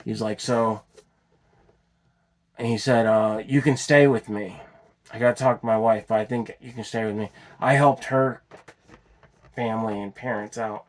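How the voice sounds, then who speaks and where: A man's voice: lowish voice, steady tone, moderate pace, long pauses. A man telling a long personal story off the cuff, rambling, restarting and swearing as he goes. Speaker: vlogger telling his story.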